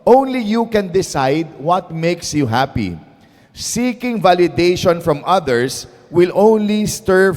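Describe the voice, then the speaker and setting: Filipino priest preaching in a reverberant hall. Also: male voice, fairly high pitch, darkish tone. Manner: mixes Tagalog and English, tags phrases with "no?"; storytelling, conversational. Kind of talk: sermon at a prayer meeting.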